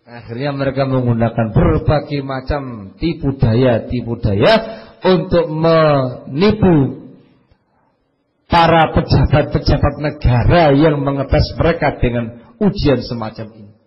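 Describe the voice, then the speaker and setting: A man preaching a religious lecture, telling stories animatedly, swinging between loud lines and murmured asides. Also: medium pitch, unhurried, breathy edge, long reverb tail. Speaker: Islamic preacher. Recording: dull lo-fi lecture recording.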